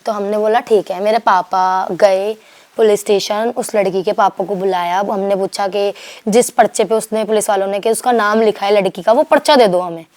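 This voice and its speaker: A young woman from Delhi, telling her story to an interviewer in a rambling, animated way, acting out what others said and restarting her sentences. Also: mid-range voice, normal speed. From Delhi, India. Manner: rambling, animated retelling with quoted dialogue and restarts. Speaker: guest.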